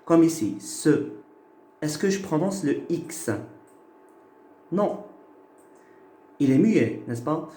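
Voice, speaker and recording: A man's voice: a little high, lively intonation, dark tone. A man teaching a phonetics lesson, explaining patiently and checking that listeners follow. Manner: slow, patient, checks in with "ok?" and "d'accord?". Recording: echoey room.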